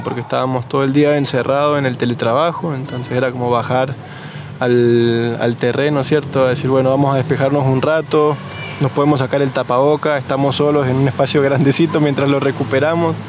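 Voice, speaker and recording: An Argentine man being interviewed outdoors, talking in a relaxed, rambling way with fillers and restarts. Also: medium pitch, fairly quick, vocal fry, background noise. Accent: Argentine Spanish. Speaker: interviewee, nursery co-founder. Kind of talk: casual conversational interview.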